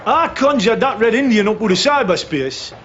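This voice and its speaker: A cocky, blustering builder with a scheme to sell. His voice sits high for a man. The sound is muffled, with a faint hiss under it. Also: animated, moderate pace, a bit bright. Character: brash scheming working-class builder.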